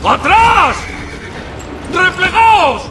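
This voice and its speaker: High-pitched soldier shouting retreat orders. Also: male voice, animated, slow, full character voice. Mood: urgent. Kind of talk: video game battle acting. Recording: voice under loud battle music, gunfire.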